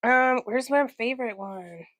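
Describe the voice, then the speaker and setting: Vlog host, woman, giggly and chatty, slightly high voice, dry close recording. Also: measured pace, a bit bright, no echo, rough recording. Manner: giggly, chatty, laughs often. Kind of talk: casual chat. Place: at home.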